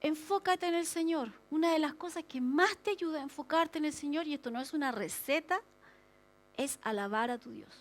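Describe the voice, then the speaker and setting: A woman pastor preaching a lively sermon, acting out prayers and complaints with humorous asides. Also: sits high, moderate pace.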